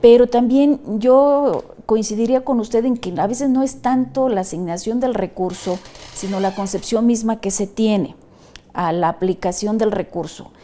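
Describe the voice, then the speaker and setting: Measured woman in her fifties, mellow voice. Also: on the high side. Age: 50s. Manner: measured, conciliatory, frequent restarts. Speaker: panel guest. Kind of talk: studio panel discussion.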